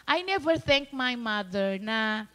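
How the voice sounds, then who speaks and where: Woman host, high pitch, storytelling testimony, Taglish, acts out dialogue. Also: expressive, takes it slowly, fairly bright tone. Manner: storytelling, mixes English into Tagalog, acts out quoted speech. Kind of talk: personal testimony told to viewers.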